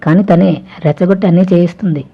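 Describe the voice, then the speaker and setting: A woman's voice: lowish voice, fairly even intonation, fast. A woman voicing a bashful young man of twenty who pleads and coaxes, in a dull lo-fi recording. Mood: sheepish pleading. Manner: coaxing, sheepish.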